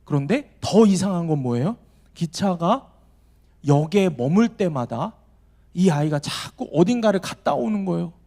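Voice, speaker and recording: A man's voice: high voice, expressive, normal speed, vocal fry, mellow. A male pastor preaching a sermon, telling stories and acting out the voices in them. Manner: storytelling, acting out the voices in his anecdotes. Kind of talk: sermon to a young adults' service.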